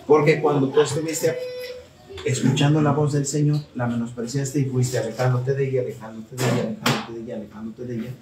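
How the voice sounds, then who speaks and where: A man's voice: medium pitch, level tone, a little fast, distant mic, background noise. Preaching man in an echoey room. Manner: calls on the audience and repeats phrases for emphasis. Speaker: teacher of a Torah study talk. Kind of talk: preaching to a live audience. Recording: echoey room, speaker away from mic, audience present.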